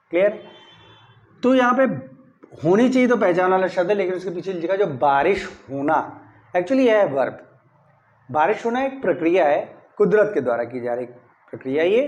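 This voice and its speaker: An English grammar teacher with a high, darkish-toned voice leads a classroom-style lesson step by step, checking in with students by asking "clear?" and stressing key words in example sentences. The recording sounds somewhat dull and lo-fi.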